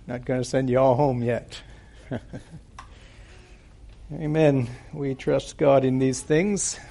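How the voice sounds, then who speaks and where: Slow gravelly preacher at a pulpit microphone. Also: male voice, mid-range voice, steady tone, warm tone. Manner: unhurried, deliberate, with frequent pauses and fillers. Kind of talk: sermon with prayer. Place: church service.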